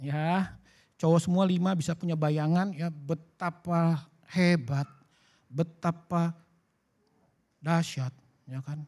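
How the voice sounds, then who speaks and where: A man preaching a sermon at a church service, in a lively, colloquial way that acts out bits of dialogue. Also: fairly high pitch, takes it slowly, pauses often. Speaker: pastor.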